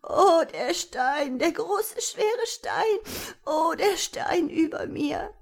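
High, chirping and brisk, this is a tiny ancient bearded sprite that a woman acts out in a storybook. The voice swoops widely and answers quick as a flash, with a bossy edge. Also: lively intonation, gravelly, full character voice. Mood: sobbing. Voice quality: soft high piping voice. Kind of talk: storybook reading.

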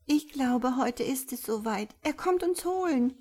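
A woman voicing a timid, innocent little female creature in a read-aloud storybook, speaking high and plaintively. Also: unhurried, warm tone. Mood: fearful.

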